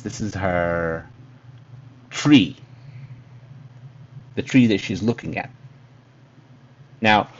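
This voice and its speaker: Low-voiced man, dull lo-fi sound. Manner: halting, searching for words, repeats himself. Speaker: podcast host. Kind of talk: casual reflective monologue.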